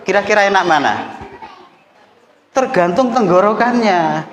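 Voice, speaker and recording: Javanese accent guy teaching quran teachers, slow and kinda high, jokes around then chants the tunes, big echoey hall. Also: a little hiss or hum. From East Java, Indonesia. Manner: joking, breaks into melodic chanting to demonstrate. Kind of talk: workshop lesson with chanted demonstrations. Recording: echoey hall with long reverb.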